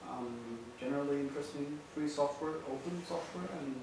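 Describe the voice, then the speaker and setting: At a workshop, a man hesitantly introduces himself as a participant, speaking a little fast in a fairly high-pitched voice. He is recorded from far off in an echoey, noisy room.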